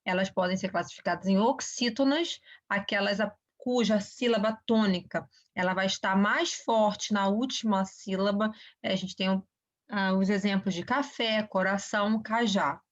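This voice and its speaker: A woman's voice: medium pitch, normal speed. A woman teacher giving a recorded grammar lesson, explaining step by step and often checking in with short questions. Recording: dull lo-fi recording.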